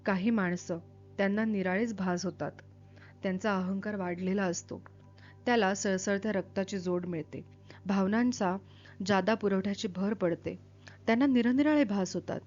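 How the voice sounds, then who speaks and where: A woman with a mid-range voice reads a literary novel aloud, narrating in a measured, steady manner. The recording is dull and lo-fi, with faint music in the background.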